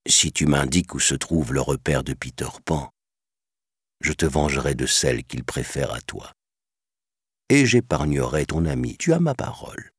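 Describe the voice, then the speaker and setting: A man's voice: rumbling low, lively intonation, normal speed, gravelly, slightly rough, dry recording, studio quality, full character voice. A man voicing a sly, vengeful pirate captain in a storybook reading, honeyed and scheming, then gloating.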